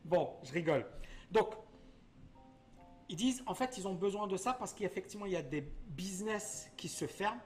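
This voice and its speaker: A man's voice: high-pitched, lively intonation, moderate pace, soft background music. French man teaching viewers live. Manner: quizzes viewers, explains in plain terms. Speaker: investment educator, host.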